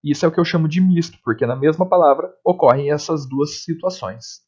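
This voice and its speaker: A man teaching a recorded grammar lesson, explaining step by step, checking in often and spelling out letters and sounds slowly. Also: fairly high pitch, a little mellow, breathy edge. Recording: dull lo-fi recording.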